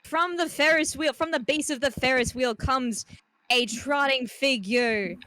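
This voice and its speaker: A woman narrating as game master of a tabletop game, lively and playful, laughing now and then. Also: sits high, a little slow, no room sound, poor audio.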